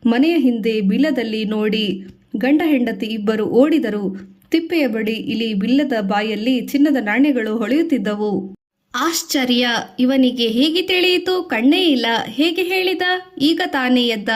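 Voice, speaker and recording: A woman narrating a devotional story from a script, lifting her voice for the characters' lines. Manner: expressive, voices characters' lines with a raised pitch.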